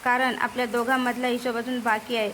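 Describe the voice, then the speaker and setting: A woman reading as a calm, taunting male villain. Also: fairly high pitch, a little fast, slight background noise, close to an everyday voice.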